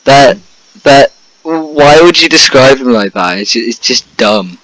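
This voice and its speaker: A man's voice: mid-range voice, lively intonation, a bit bright, poor audio. An Australian man co-hosting a podcast, chatting casually in a dry, teasing way. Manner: dry, teasing, quick to agree. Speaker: podcast co-host. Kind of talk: casual chat.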